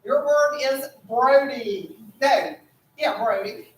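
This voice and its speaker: A woman's voice: high-pitched, slow pace. A woman acting as pronouncer at a school spelling bee, patiently giving the rules and calling each word, often checking with "okay?". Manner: patient, instructive, repeats "okay?". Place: school room. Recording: echoey room from far off, faint noise.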